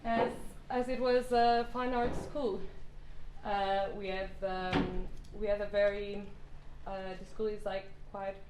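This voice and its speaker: Her mid-range voice barely moves in pitch as she takes her time, a Portuguese woman in her thirties giving a hesitant guest talk with a Portuguese accent. Fillers and restarts come often, and her phrasing is slightly non-native. It's recorded in a roomy lecture hall with faint noise.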